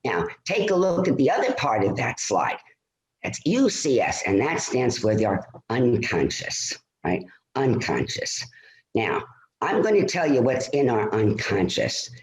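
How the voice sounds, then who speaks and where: Lively man teaching on a video call. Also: medium pitch, moderate pace. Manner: lively, repeats "all right?" and "right?" often. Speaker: presenter. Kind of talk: online stress-management talk. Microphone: computer mic on a video call. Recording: roomy video call audio.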